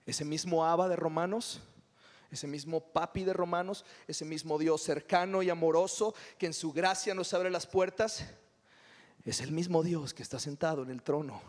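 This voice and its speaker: A man with a Mexican accent preaching a sermon as pastor, animated and humorous, retelling stories with drama. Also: a little high, in a large hall. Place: church hall.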